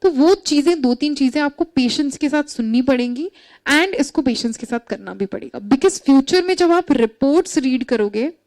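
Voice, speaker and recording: High-voiced woman teaching an online class. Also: lively intonation, moderate pace, a little mellow. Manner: mixes Hindi and English, asks students questions, addresses them as beta.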